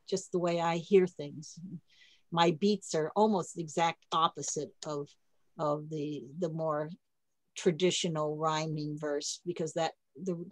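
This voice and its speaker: Low-voiced woman poet, chatty workshop talk. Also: dry recording, rough recording. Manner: chatty, thinking aloud with many restarts. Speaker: poet leading a writing workshop. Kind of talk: casual teaching talk.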